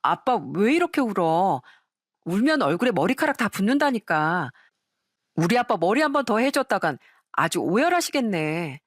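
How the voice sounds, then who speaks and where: A woman voicing an affectionate grown-up daughter who talks tenderly and teases gently in a storybook reading. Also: mid-range voice, big pitch swings, normal speed, no echo, studio quality. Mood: teasing. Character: adult daughter, cheerful and affectionate.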